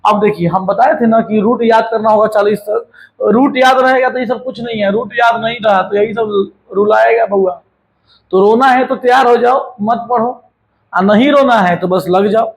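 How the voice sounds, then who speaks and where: A man's voice: high-pitched, steady tone, normal speed, creaky, low-quality recording. A man teaching a maths lesson, chatty and scolding, mixing jokes and snatches of song into his explanations. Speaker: maths tutor.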